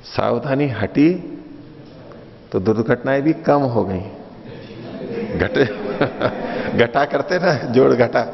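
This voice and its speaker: Male lecturer, gravelly voice, patient and repetitive, dull lo-fi hall recording. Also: mid-range voice, animated, slow pace, long pauses, a crowd in the background. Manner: patient, repeats and rephrases points, asks listeners questions. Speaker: teacher of Mimamsa philosophy. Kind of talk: explanatory lecture with stories.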